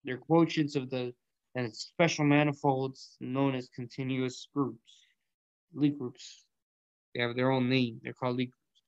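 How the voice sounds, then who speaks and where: Hosting an online audio room in a small indoor room, a young Colombian man chats about food and math in relaxed slang laced with swearing, "bro," and "yo." His mid-range voice is unhurried with little pitch movement, and the dull audio has no echo.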